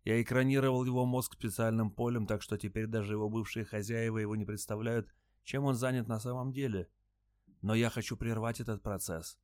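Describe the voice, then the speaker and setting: A man voicing a timid robed alien creature who talks in a soft rustling whisper. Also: on the low side, steady tone, brisk, no echo, studio quality, natural voice. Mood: fearful, hushed.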